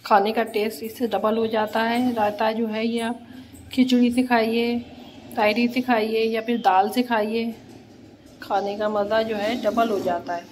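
Hoarse woman talking through a recipe. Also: on the high side, level tone, unhurried, a little mellow, a little hiss or hum. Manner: plain, homely instructional tone. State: hoarse from a cold. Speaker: cooking vlogger. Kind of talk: casual step-by-step cooking narration.

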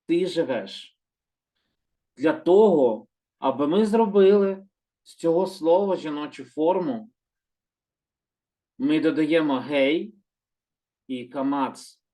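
Gentle, patient male language teacher. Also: fairly high pitch, expressive. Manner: gentle, patient, repeats words slowly and corrects himself. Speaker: Hebrew teacher. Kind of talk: calm slow explanatory lesson.

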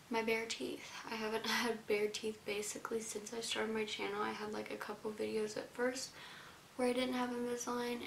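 A young adult beauty vlogger chats informally through a casual makeup tutorial, often letting her sentences trail off. Her voice is fairly high, creaky, and a bit bright. She's in an indoor room with a plain wall, and the recording has a roomy echo and faint hiss.

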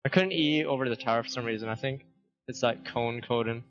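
A man's voice: mid-range voice, quick pace. A young man chatting casually while playing a video game, laughing often and swearing freely. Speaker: gamer. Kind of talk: casual gaming chat. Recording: dull lo-fi stream audio.

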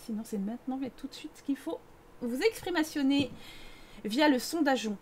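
A woman's voice: sits high, expressive, normal speed, a little mellow, slight background noise. A young woman streamer with a Parisian accent, chatting casually and teasingly with her chat while playing a game. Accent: Parisian French. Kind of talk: casual live-stream chat over gameplay.

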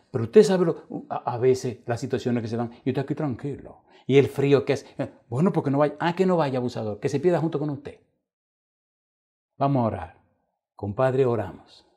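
A male pastor preaching a sermon, telling a story and acting out the voices of the people in it. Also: mid-range voice. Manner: dramatic, shifts between loud and hushed quoted voices. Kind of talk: sermon with acted-out anecdotes.

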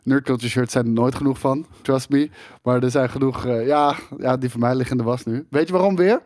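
A man's voice: medium pitch, fairly quick, dry recording. Jokey Dutch man, dry studio sound. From Netherlands. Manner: lively, jokey, stumbles and restarts. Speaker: podcast co-host. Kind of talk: casual podcast chat. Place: studio at a table.

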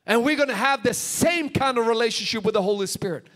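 A Swedish pastor in his forties preaches on a large church stage into a handheld mic, acting out prayers and quotes with rising intensity. His very high voice is a bit bright and quick-paced.

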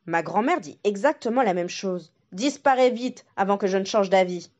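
A woman's voice: mid-range voice, expressive, normal speed, darkish tone, lo-fi sound, lightly acted. A woman voicing a hungry but sentimental male wolf who muses and grumbles to himself. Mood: musing.

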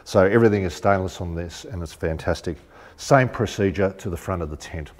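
His voice sits low and moves a little fast. He's a shop presenter in a large warehouse showroom, casually demonstrating rooftop tent fittings, chatty and practical, with many ums as he thinks aloud, plus long reverb and faint music.

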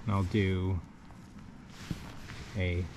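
A man's voice: deep voice, level tone, drawn-out words, a little mellow, a little hiss or hum. A man teaching kayak rescue rigging step by step, talking plainly while he works the ropes on a rocky riverbank, recorded by a camera he wears. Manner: plain, methodical, talks while rigging by hand. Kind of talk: step-by-step instructional demo. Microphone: wearable camera on body.

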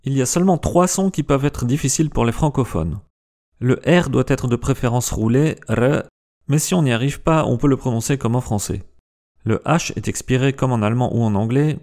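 A man with a mellow, warm voice narrates a language lesson in a lively scripted way. He slows right down to sound out example words one syllable at a time. His pitch sits in an ordinary middle range. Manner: lively explainer, slows to spell out pronunciations. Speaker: language video host.

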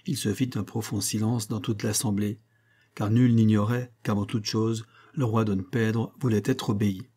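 A man reads a classic novel aloud in measured, even narration. His voice is warm and dark-toned, with a husky texture to it. The pacing is steady and unhurried, as an audiobook reader. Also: on the low side.

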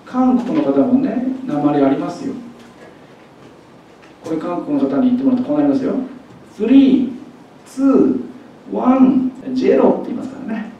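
A man giving a university lecture in a jokey, animated way, acting out pronunciations. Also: mid-range voice, vocal fry, a little hiss or hum. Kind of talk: faculty development lecture. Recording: echoey hall, distant mic, dull.

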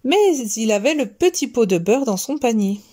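A woman reading a children's story aloud, gentle and expressive. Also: a little high, normal speed, breathy edge.

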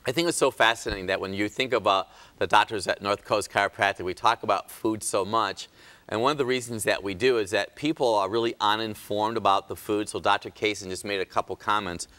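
A man's voice: lowish voice, fairly quick, bright, forceful tone. A man hosting a health talk show as a chiropractor, speaking emphatically, pleading with viewers and dropping sarcastic asides.

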